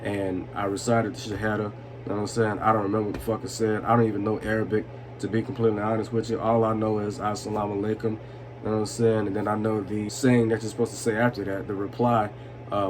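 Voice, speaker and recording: A man's voice: lowish voice, fast. Tipsy, rambling young man on a noisy recording. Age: 20s. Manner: tipsy, rambling, breaking into chuckles; slangy, repeats "you know what I'm saying". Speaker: storytelling vlogger. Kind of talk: casual, profane personal storytelling. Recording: noisy room with steady background noise.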